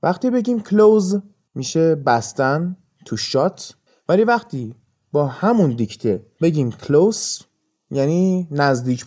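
This podcast host and English teacher walks listeners through ideas step by step, patiently and with examples. His voice is medium in pitch and a little mellow.

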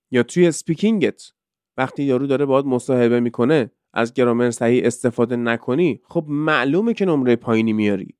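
Smooth-voiced Iranian teacher giving casual advice. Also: male voice, mid-range voice, a little mellow, dry recording, studio quality. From Iran. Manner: conversational, explains with rhetorical questions. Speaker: English teacher and podcast host.

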